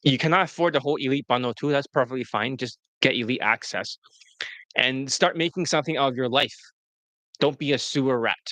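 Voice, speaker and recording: Brisk and sharp-toned, this man's voice is recorded dry. Playing the role of a dating coach host, he talks bluntly and profanely in a promotional coaching style, brashly quoting his students in mocking, high-pitched whines.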